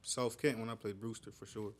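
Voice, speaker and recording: A young man from Connecticut, a guest on a podcast, chatting casually about his basketball past in a relaxed, slangy way. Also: on the low side, a little fast. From Connecticut, USA. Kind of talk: casual conversational interview.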